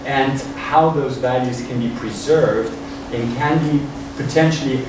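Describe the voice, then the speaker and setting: Speaking at medium pitch, this Swiss academic guest speaker improvises an informal conference talk from his notes, pausing and groping for words. He's in a university room, captured noisily by a distant microphone amid heavy echo.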